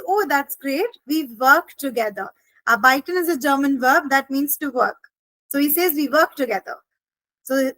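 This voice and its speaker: A woman teaching a German lesson, explaining each phrase step by step and slowing down for the German examples. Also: sits high, sharp tone, no room sound, low-quality recording.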